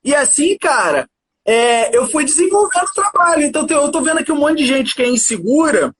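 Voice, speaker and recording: A man chatting as a guest on a livestream, telling a story in an animated, casual way and often addressing the listener as "cara". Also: very high-pitched, a little fast, noisy background. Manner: animated, keeps saying "cara".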